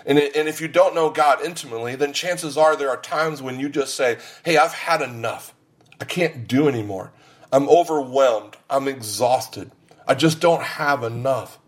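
A middle-aged man preaching a sermon, mixing scripture with jokes and personal stories. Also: medium pitch. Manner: joking, anecdotal storytelling. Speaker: pastor.

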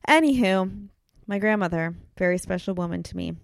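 Gravelly woman near tears. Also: mid-range voice, no echo, clean studio sound. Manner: emotional, halting, many fillers. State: close to tears. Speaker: podcast guest. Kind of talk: casual chat.

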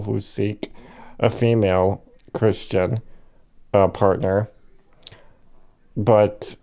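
A man talking slowly and reflectively in a personal monologue, hesitating with fillers and correcting himself, with hiccups now and then. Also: on the low side, dark tone, smooth. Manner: slow and hesitant, many fillers and self-corrections. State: has the hiccups.

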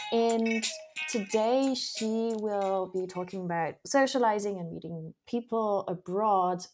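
Woman podcast host, slightly low voice, chatty interviewing, bit of music in there. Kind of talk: conversational podcast hosting.

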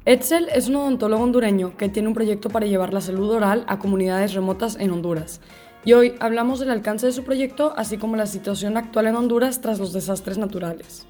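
A woman's voice: mid-range voice, brisk, mellow, soft background music. Conversational woman hosting an interview. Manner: friendly, conversational questions. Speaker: interview host.

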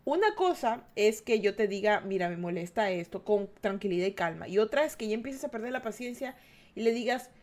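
A woman's voice: mid-range voice, lively intonation, brisk, darkish tone. Earnest woman podcast host. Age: adult. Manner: earnest, speaks directly to listeners. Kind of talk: reflective podcast monologue.

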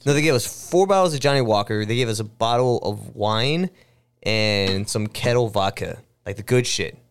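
A man's voice: lowish voice, normal speed, clear, resonant tone. A man in his thirties hosting a podcast, chatting in a rambling way and laughing often. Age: 30s. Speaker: podcast host. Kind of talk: casual chat.

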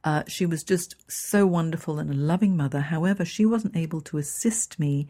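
A woman's voice: low-pitched, moderate pace, warm tone. A middle-aged woman from Hong Kong, a native Cantonese speaker with an English accent, hosting a podcast and sharing personal stories and advice in a conversational, reflective manner. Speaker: podcast host and coach. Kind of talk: personal storytelling with self-help advice.

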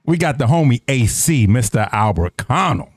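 A man hosting a podcast in an excitable, slangy, profane way, often repeating his phrases. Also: medium pitch, normal speed, faint music behind. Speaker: podcast host. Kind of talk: casual, hyped podcast chat.

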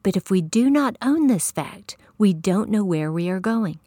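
A middle-aged woman tells a sermon testimony in a folksy, self-deprecating way, speaking straight to her listeners. Her voice sits at an ordinary middle pitch. The recording is dry, with no room sound. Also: animated, measured pace, dark tone, no echo. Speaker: preacher.

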